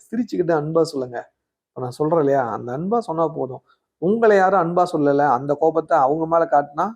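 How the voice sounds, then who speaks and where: A fairly high-voiced man delivers a weekly horoscope at a brisk clip. He talks to his viewers in a chatty, coaxing way, scolding them and asking rhetorical questions. The audio is dull and lo-fi. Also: darkish tone. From Tamil Nadu, India. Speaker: astrologer. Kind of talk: weekly horoscope talk to camera.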